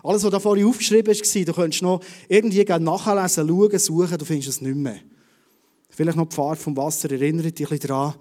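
A man preaching a conversational sermon in a Swiss German accent, swinging between loud bursts and hushed asides. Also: fairly high pitch, steady tone, fast talker. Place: church service.

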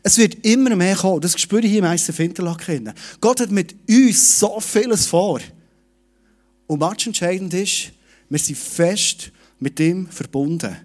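A middle-aged man preaching a sermon in a lively, direct way, speaking to each listener personally. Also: sits high, a little slow. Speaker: pastor.

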